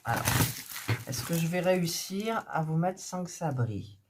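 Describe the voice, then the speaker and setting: Chatty woman with a lively voice. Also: fairly low pitch, moderate pace, heavy background noise. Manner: chatty, hesitant, many fillers and restarts. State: sick, coughing. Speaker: hobby vlogger showing diamond painting kits. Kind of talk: casual chat to subscribers.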